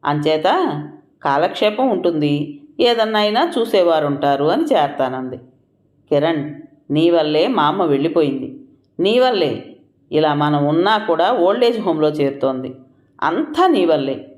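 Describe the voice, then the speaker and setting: A man's voice: on the high side, expressive, unhurried, long pauses. Narrator doing a sad, stern father in a roomy audiobook. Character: troubled middle-aged father, sad and stern. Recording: roomy echoing room.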